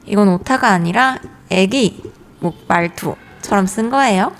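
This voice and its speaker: A woman teaching a writing lesson who reads a sample story aloud in a gentle, encouraging way. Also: medium pitch, a little slow, long reverb tail, faint music behind.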